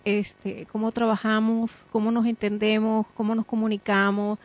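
A woman's voice: mid-range voice, completely flat delivery, normal speed. A middle-aged woman, co-hosting a radio talk show in an earnest, emphatic way and laughing often. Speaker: radio co-host. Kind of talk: casual radio chat. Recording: dull lo-fi radio sound.

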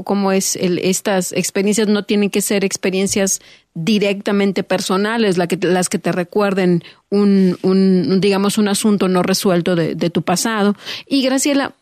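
A woman radio host interviewing a guest, asking measured, clarifying questions. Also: mid-range voice, a little mellow, no echo, studio quality.

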